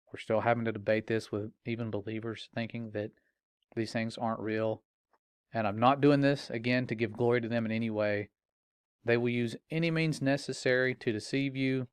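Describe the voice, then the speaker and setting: A man's voice: mid-range voice, clean tone, no echo. A man earnestly warning other parents in a preaching, urgent tone. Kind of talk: earnest spoken warning to viewers.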